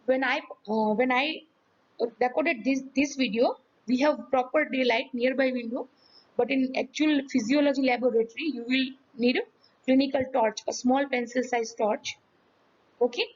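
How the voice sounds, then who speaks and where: A woman teaching a medical lesson, her voice hoarse from yelling, checking in often with "okay?" and "ready?". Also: sits high, steady tone, moderate pace, lo-fi sound. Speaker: physiology teacher. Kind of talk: medical lecture with demonstration.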